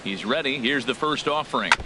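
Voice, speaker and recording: Calling the action as a video game's composed baseball play-by-play man, he's heard over stadium noise. He speaks fairly quickly and expressively at medium pitch, close to his everyday voice.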